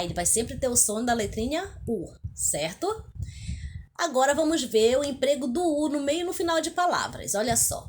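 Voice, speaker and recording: Lively Brazilian woman teaching a children's lesson. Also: on the high side, slight background noise. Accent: Brazilian Portuguese. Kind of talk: recorded video lesson for children.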